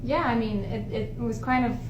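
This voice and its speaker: A woman in her twenties from Denmark, a senior student hosting a relaxed live session about student life. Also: on the high side, normal speed, dull audio. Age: 20s. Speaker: student leader. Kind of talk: casual live-stream chat. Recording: echoey room with background noise.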